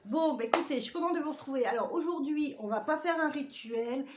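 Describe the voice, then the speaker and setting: A woman's voice: high-pitched, fairly quick, noisy background. A woman vlogger chatting casually at home as she unboxes a parcel, rambling off on tangents and laughing often. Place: home indoors.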